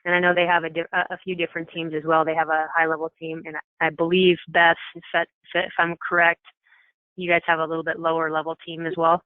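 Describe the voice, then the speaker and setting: Quick and completely flat at medium pitch, the voice belongs to a program coordinator presenting to coaches in an informal meeting over the phone. The briefing is matter-of-fact and explanatory, carried on a tinny, echoey conference line.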